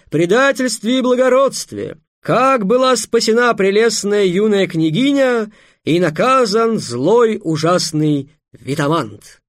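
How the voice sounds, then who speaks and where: Guy doing a puffed-up troupe showman, loud and slow, hammy announcing voice. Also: sits high, no echo, clean studio sound, pitched above the performer's own voice, full character voice. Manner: grand, solemn announcing. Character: sweaty pompous male troupe showman.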